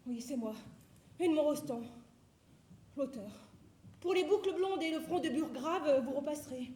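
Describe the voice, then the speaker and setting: Stage drama: woman as male playwright, very high-pitched, flustered, declamatory, reverberant recording. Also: animated, a little slow, mellow. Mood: evasive. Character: Edmond Rostand, flustered married male playwright, passionate about words. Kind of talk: theatrical stage acting.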